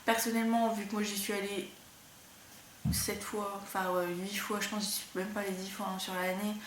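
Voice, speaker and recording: A woman hosting a knitting and sewing podcast in a casual, rambling chat, slightly hoarse as she loses her voice. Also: mid-range voice, little pitch movement, fairly quick. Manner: chatty, rambling, many fillers. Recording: roomy room with faint background noise.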